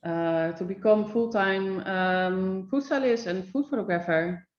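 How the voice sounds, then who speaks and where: A woman's voice: mid-range voice, measured pace. A woman hosting an interview over a video call, speaking hesitantly with many fillers, heard on echoey, dull-sounding audio. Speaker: host, photography coach. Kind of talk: casual interview conversation.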